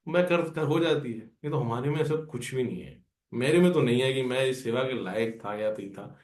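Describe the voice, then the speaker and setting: A man tells a story from his own life in a relaxed, chatty way and acts out the back-and-forth with his friends. His voice sits at an ordinary middle pitch. The sound carries a noticeable room echo. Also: normal speed. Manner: conversational, acts out dialogue with friends. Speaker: devotee sharing a personal experience. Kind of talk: storytelling testimony. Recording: roomy echo.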